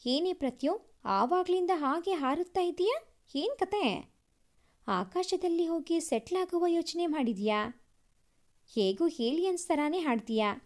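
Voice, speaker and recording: A woman's voice: extremely high pitch, expressive, measured pace, pauses often. A woman voicing a young man teasing his little sister.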